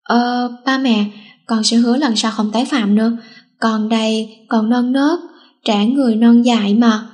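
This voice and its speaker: A woman's voice: a little high, fairly even intonation, a little slow, a little mellow, natural voice. A woman voicing a cheeky, insolent schoolgirl who talks back with teasing, offhand remarks. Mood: nervous.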